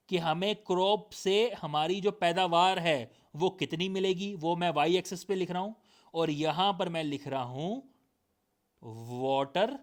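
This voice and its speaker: A man giving a recorded lecture with a sore throat, checking with students through repeated questions and reading definitions aloud slowly. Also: sits high. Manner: drills points with repeated questions. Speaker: teacher.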